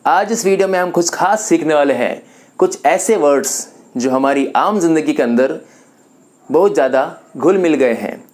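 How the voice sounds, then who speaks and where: A man from Rajasthan teaching a vocabulary lesson, calmly going through a word list and repeating each term. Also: fairly high pitch, normal speed. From Rajasthan, India. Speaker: English teacher.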